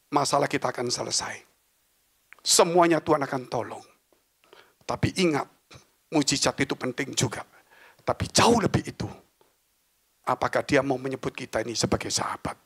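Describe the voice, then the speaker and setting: Male pastor, husky and gravelly, lively pitch swings, chatty anecdotal sermon delivery. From Indonesia. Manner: chatty storytelling, acts out dialogue, drops to near-whispers. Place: church sanctuary.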